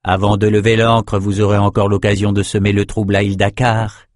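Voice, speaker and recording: Sardonic male sorcerer lord, read by a man, low, mocking, dry audiobook read. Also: little pitch movement, fairly quick, dry recording, lightly acted. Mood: casual. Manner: mocking, callous, amused. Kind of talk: audiobook character voice.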